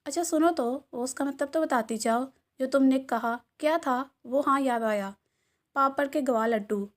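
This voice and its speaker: Cocky young man, teasing boss, mock-threatening, read by a woman, high voice. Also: moderate pace, lightly acted.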